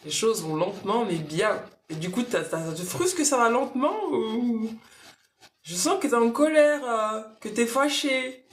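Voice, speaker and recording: A woman's voice: a little high, measured pace, reverberant. A woman giving spiritual readings on a casual live stream, speaking directly and coaxingly to viewers by name.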